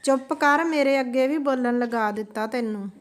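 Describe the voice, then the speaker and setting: A woman voicing a quarrelsome young mother who scolds and nags in a slightly high voice. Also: moderate pace, close to an everyday voice. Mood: scolding. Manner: scolding, nagging. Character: scornful young mother, sharp-tongued, quarrelsome.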